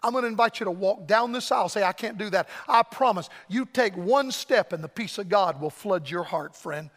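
A man's voice: high-pitched, fairly quick. A middle-aged man preaching a fervent revival sermon and pleading altar call, emphatic, with short repeated phrases. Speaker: evangelist preacher. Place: large church hall, preaching to congregation. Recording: large reverberant hall.

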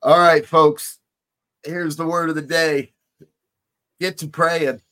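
A man's voice: on the high side, flat delivery, slow, a bit bright. A man hosting a casual talk show with a fellow minister, speaking earnestly and chuckling between points. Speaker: host. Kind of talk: casual chat on current events.

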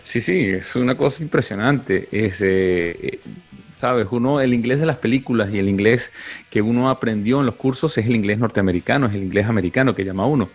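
A man's voice: on the low side, brisk, faint music behind. A man talking casually on a podcast, hesitant and full of repeated words and fillers. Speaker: podcast co-host. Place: living in England.

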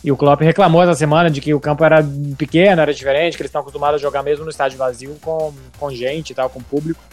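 A Brazilian man hosts informal football talk as a sports journalist. His voice is fairly high, and music plays faintly underneath. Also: fairly even intonation, very fast. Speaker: sports podcast host and journalist.

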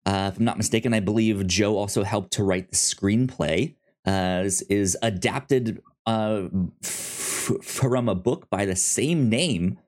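A man with a fairly low voice hosts a laid-back review podcast. His speech comes in halting, chatty bits that keep circling back over the same words.

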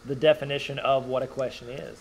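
A man's voice: mid-range voice, flat delivery, fairly quick, poor audio. A man with a Californian accent chatting casually on a podcast, with a dry, wisecracking way of talking. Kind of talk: casual joking podcast chat.

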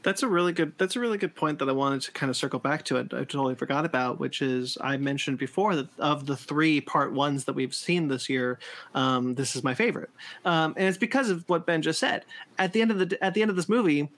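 A man's voice: on the high side, fast talker, fairly bright tone. A man co-hosting a casual film review podcast, talking with enthusiasm. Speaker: podcast co-host.

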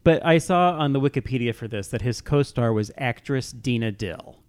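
A man's voice: mid-range voice, animated, moderate pace, a little mellow, smooth, no echo. A man co-hosts a podcast in a loose casual chat, spinning a story with playful giggles. His voice sits in a medium register. The sound is dry and close. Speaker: podcast co-host.

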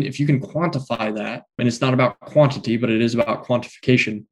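A man co-hosting a podcast, talking casually and enthusiastically, with frequent fillers and rhetorical "right?" asides. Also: medium pitch. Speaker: podcast co-host. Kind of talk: casual conversational podcast talk.

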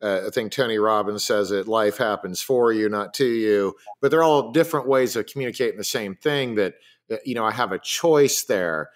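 A man's voice: lowish voice, normal speed. A man co-hosting a podcast, explaining his ideas carefully and one step at a time, with small restarts. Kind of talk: casual podcast conversation.

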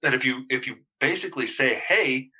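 A man's voice: on the low side, lively intonation, normal speed, pushed and bright, breathy edge, poor audio. A male pastor in casual discussion, talking hesitantly with many fillers and restarts.

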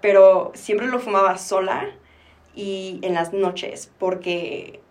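A woman's voice: mid-range voice, takes it slowly, a little mellow, distant mic. A woman in her twenties from Mexico with a Mexican Spanish accent, a podcast guest speaking openly and reflectively, now and then slipping English phrases into her Spanish. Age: 20s. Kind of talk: candid personal interview.

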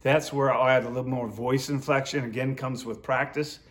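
A man's voice: mid-range voice, fairly even intonation, normal speed. Man giving an informal hands-on lesson. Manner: informal, explanatory, stepwise. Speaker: duck calling instructor. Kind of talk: hands-on instructional demonstration.

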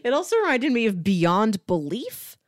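A woman co-hosts a podcast reviewing comics, thinking out loud in a conversational style and hedging her points. Her voice is fairly high and very animated, with a moderate pace. The recording has studio quality with no echo.

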